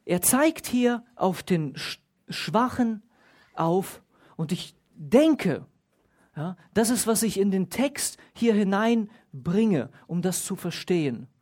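Slow, deliberate Bible teacher. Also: medium pitch, sing-song, darkish tone. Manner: reads scripture aloud, then explains it, stressing single words; asks the listeners questions.

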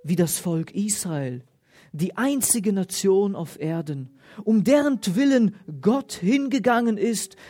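Slow, emphatic woman preaching. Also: medium pitch, animated. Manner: slow, emphatic, rising loudly on invocations. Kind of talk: sermon reading and expounding scripture.

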